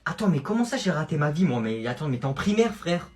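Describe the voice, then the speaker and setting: A man's voice: on the high side, sing-song, fast. A man playing an exasperated older brother who fires back incredulous, mocking questions in a comedy sketch.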